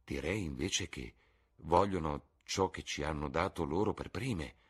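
A man with a husky voice reading an earnest, passionate young man, raising his voice for him. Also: rumbling low, a little slow, heavily acted.

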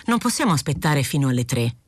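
A woman reading aloud, voicing a weary but stubborn aging male newspaper editor who speaks calmly and evenly. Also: rumbling low, no room sound, clean studio sound, exaggerated voice. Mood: patient. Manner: calm, measured, feigning nonchalance.

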